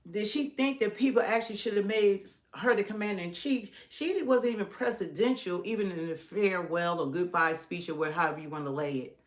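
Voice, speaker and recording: A middle-aged woman with an American accent co-hosting a live stream, giving casual, emphatic political commentary and piling up points in lists. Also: lowish voice.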